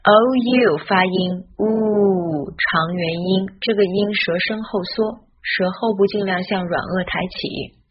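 A woman giving a scripted English pronunciation lesson in Chinese, spelling out letters and modeling each sound slowly. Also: lowish voice, breathy edge, dull audio.

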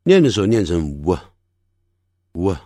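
A man teaching a pronunciation lesson, drawing out sounds slowly in repeated drills. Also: sits low, big pitch swings, no room sound, clean studio sound. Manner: slow, drawn-out sound drills. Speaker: language teacher.

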